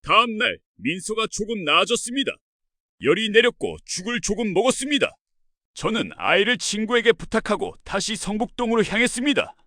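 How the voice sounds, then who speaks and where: A man narrating a first-person family story in an earnest, steady way. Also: high-pitched, brisk, dry recording.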